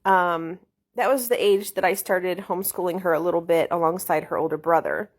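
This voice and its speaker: A homeschooling mother calmly telling a story about her youngest child. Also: fairly low pitch, a little fast. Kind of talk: casual storytelling to camera.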